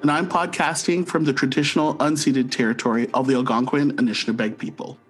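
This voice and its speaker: A woman from Canada co-hosting a podcast, chatting quickly and casually with her guest. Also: very deep voice, steady tone, soft background music. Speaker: podcast co-host.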